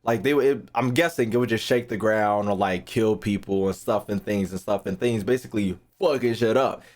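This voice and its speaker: A young American man streams a game and reacts casually, full of slang and swearing, frequently rambling and repeating himself. His voice is fairly low and his speed is normal.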